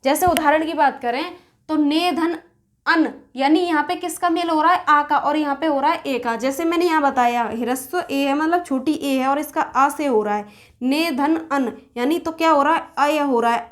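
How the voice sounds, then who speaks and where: A woman with a high, light voice teaches a grammar lesson in a patient, steady way. She comes back to each point and says it again in other words. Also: moderate pace. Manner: patient, repeats and rephrases points.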